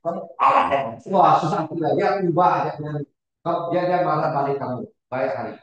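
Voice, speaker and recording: A man preaching a sermon to a congregation, repeating words and shouting for emphasis, often putting questions to his listeners. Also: fairly high pitch, normal speed, lo-fi sound. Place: church hall. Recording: very echoey church hall, far from the mic.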